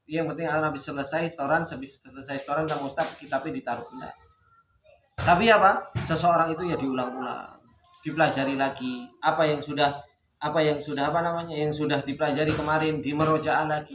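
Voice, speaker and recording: A man's voice: fairly high pitch, a bit bright. A young man giving an informal religious talk, telling stories and asking rhetorical questions. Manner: storytelling with rhetorical questions, Javanese words mixed in. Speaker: religious teacher. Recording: echoey room with background noise.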